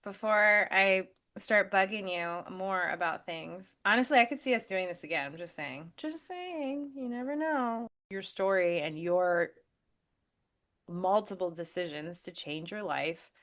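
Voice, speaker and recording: A woman's voice: on the low side, unhurried, fairly bright tone. A woman hosting a podcast, chatting casually and encouragingly with a friend, laughing often. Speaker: podcast host and life coach.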